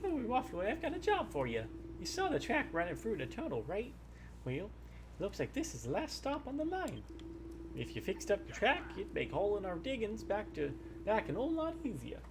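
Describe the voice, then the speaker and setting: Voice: medium pitch, wildly swooping pitch, moderate pace, noisy background, pitched above the performer's own voice. A performer voicing a chatty, helpful old prospector miner with a folksy drawl, reading video game dialogue.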